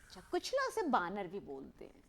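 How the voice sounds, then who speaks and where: A woman teaching a lesson to young children, asking questions and having the class repeat words after her in drawn-out call and response. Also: lowish voice, wildly swooping pitch, creaky, fairly bright tone.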